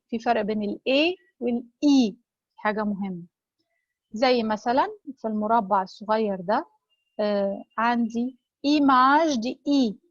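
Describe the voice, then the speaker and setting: A woman with an Egyptian Arabic accent, teaching French in a recorded lecture. She says each French word slowly, then repeats it. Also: on the high side, no echo. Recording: dull, dry lo-fi recording.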